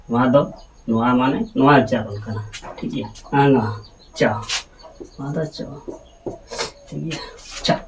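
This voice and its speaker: A man's voice: medium pitch, distant mic, a little hiss or hum, rough recording. A man teaching pronunciation letter by letter, patiently repeating each sound and checking that his listeners follow. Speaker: language teacher.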